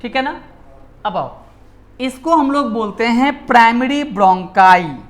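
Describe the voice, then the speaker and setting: A man's voice: very high voice, animated, a little slow, fairly bright tone. A male teacher giving a classroom lecture in Hindi mixed with English terms, often repeating key words and answering his own questions. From India.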